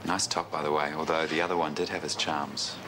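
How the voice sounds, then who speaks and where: A suave man in a television soap speaks in a very deep register. He is quick, wordy and wryly formal, with clear background noise on the soundtrack. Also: little pitch movement. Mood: teasing. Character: suave, teasing professional man in a suit. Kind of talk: television soap opera dialogue. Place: large indoor clinic reception. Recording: noisy ambient TV soundtrack.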